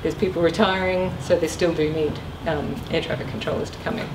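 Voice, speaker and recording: Her voice sits low and stays steady as she talks fairly quickly. The middle-aged guest speaker, once an air traffic controller, gives a casual career talk and takes questions, recorded from a distance in an echoey space with noticeable noise.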